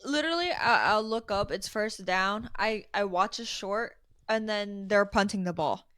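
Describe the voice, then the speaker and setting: Animated woman ranting about football. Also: medium pitch, normal speed, no room sound, clean studio sound. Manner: animated, swears freely, stammers into points. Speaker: podcast co-host. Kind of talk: casual sports chat.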